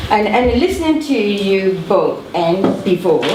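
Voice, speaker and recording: A woman from Burma, asking a halting question at a workshop, repeating words as she searches for phrasing. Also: medium pitch, very animated. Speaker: audience member asking a question. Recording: echoey room, mic far off, clear background noise.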